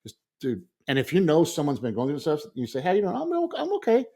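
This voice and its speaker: This middle-aged man co-hosts a podcast, telling animated stories in a casual chat and acting out quoted dialogue. His voice sits fairly high, moves fast, and carries vocal fry.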